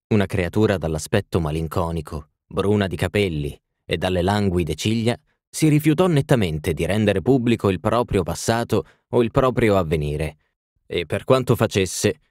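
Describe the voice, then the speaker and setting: A man narrating a classic story in an expressive literary reading style. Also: on the low side, dry recording, clean studio sound. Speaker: audiobook narrator. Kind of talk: scripted narration.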